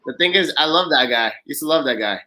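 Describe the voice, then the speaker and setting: A man's voice: fairly high pitch, animated, quick pace, bright, forceful tone, a little hiss or hum. A man hosting a live stream in casual chat, teasing his co-host in playful banter. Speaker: host of the channel.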